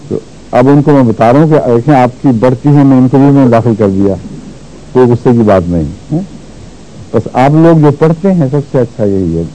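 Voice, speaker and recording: A man teaching Quran recitation rules, explaining patiently and repeating words slowly to show how they are pronounced. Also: medium pitch, dark tone, muffled recording, slight background noise. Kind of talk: religious lesson on Quran recitation.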